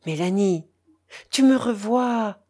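A woman reading the part of a young priest in love, earnest and urgent, sometimes hushed. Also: medium pitch, expressive, measured pace. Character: young priest, troubled and secretive lover.

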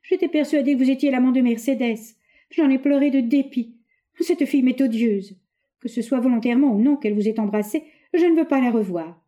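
A woman's voice: sits high, brisk, mellow, voice pushed up, lightly acted. A woman reading aloud voices a jealous, impulsive young woman in a storybook, pleading and accusing through tears. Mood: jealous resolve.

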